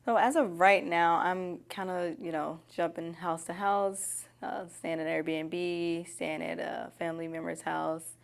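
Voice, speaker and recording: A woman's voice: on the low side, fairly even intonation, unhurried, gravelly, hardly any pauses. A woman giving candid, conversational answers as an interviewee. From Nashville, Tennessee.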